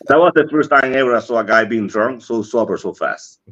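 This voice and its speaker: Here the Dominican cigar industry guest sounds animated, with a mid-range, fairly bright voice at normal speed and a Dominican Spanish accent. He spins a casual story, voicing the dialogue and laughing a lot, while the lo-fi stream audio stays dull.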